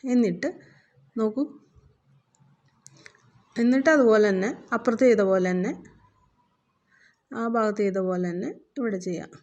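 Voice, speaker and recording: A woman's voice: mid-range voice, moderate pace, long pauses, a little mellow, highs cut off. Woman patiently teaching sewing. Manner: patient, repeats steps, checks in with learners. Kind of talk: step-by-step sewing tutorial.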